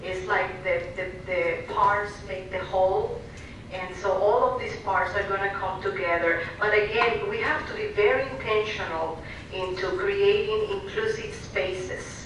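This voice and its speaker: An earnest woman speaks on a panel, often stopping and restarting her sentences. Her voice sits at a middle pitch. It is picked up from a distance in a very echoey hall, with steady noise underneath. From Venezuela. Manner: earnest, halting with many restarts. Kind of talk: panel discussion. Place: large hall at a public panel.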